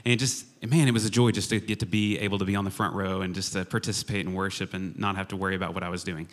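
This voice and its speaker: A man's voice: low-pitched, steady tone, fast. A man from Oklahoma giving a casual, humorous sermon as a pastor, chatty and self-deprecating in an informal way. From Oklahoma, United States. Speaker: worship and media arts pastor, guest preacher.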